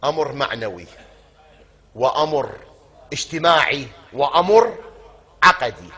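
A man preaching a sermon in an Iraqi Arabic accent, putting questions to the congregation and answering them himself, stretching key words out slowly. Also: medium pitch, lively intonation, pushed and bright, breathy edge.

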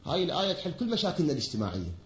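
A man's voice: a little high, huge pitch swings, racing. A man with an Iraqi Arabic accent preaching from a pulpit. He speaks emphatically, asking his listeners rhetorical questions and answering them himself. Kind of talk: pulpit sermon. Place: pulpit in a large hall. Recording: echoey hall, dull lo-fi sound.

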